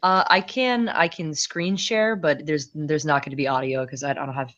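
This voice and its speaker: A woman's voice: deep voice, normal speed, fairly bright tone. A woman from New York, the channel host, chatting bluntly and casually on a video call through her laptop mic, swearing freely. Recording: dull lo-fi laptop audio.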